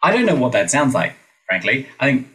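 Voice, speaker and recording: An Australian actor and voice teacher works through ideas in a podcast interview, restarting often and acting out the teachers he quotes. His mid-range voice swoops wildly in pitch, runs a little fast and sounds fairly bright, though the recording is rough. He comes across as thoughtful.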